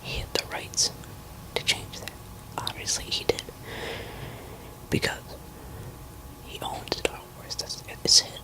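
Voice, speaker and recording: Barely audible, breathy woman's whisper. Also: rough recording. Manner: hesitant, rambling, pausing mid-thought. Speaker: musician talking to listeners. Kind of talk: whispered ASMR ramble.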